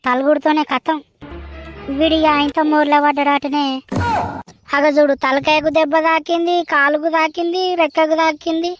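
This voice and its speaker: A woman doing a gruff old village woman, Telangana accent. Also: sits high, flat delivery, normal speed, soft background music, close to an everyday voice. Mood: scolding. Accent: Telangana Telugu. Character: older village woman, scolding and consoling a crier.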